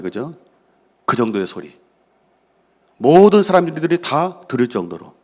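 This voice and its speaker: A middle-aged male pastor preaching a sermon, reading scripture and telling personal stories, often asking the congregation questions. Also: medium pitch. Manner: engages the congregation with frequent questions and affirming "yes"; reads scripture aloud, then expounds with personal stories. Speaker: senior pastor.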